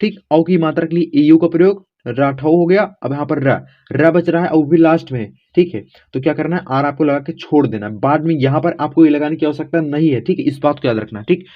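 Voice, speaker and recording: A man's voice: a little high, a little fast, hardly any pauses. A man teaching in a casual classroom way, spelling letters aloud step by step and checking in often with the viewers. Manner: addresses viewers as friends, informal. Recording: dull lo-fi recording.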